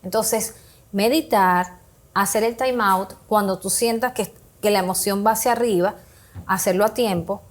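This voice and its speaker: A woman's voice: mid-range voice, normal speed. A woman guest on a talk show, explaining how to handle emotions with everyday examples and acted-out bits of self-talk. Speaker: guest speaker on emotional health.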